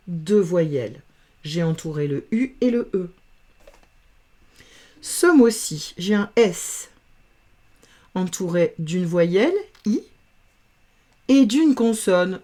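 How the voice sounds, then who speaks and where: A woman teaching reading, patiently sounding out letters and syllables in a slow phonics lesson. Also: fairly low pitch, mellow.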